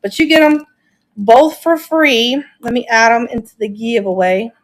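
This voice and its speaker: A woman's voice: a little high, unhurried. A woman hosting a casual live-stream auction, chatting enthusiastically and thinking aloud as she shows each item.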